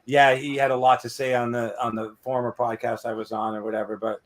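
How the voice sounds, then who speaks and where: A man's voice: medium pitch, level tone, a little fast, a crowd in the background. New guy hosting a podcast, rambly, keeps saying or whatever. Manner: rambling, many "or whatever" tag-ons. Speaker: podcast host. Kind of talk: casual storytelling chat.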